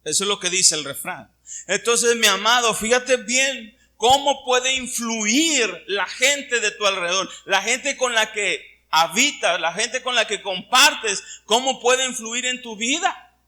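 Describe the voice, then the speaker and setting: Preaching on a Sunday, a middle-aged pastor questions his congregation in a Puerto Vallarta Mexican Spanish accent, being from Puerto Vallarta himself. He talks at a measured pace in an extremely high, pushed, bright voice.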